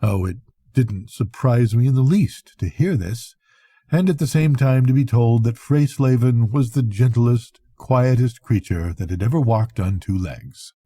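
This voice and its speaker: Like a grandfather reading at bedtime, an older man gives an expressive literary audiobook reading in a very dark, soft-edged, husky mid-range voice. He is conversational and unhurried, letting phrases breathe. The recording is dry and close, with no room around it.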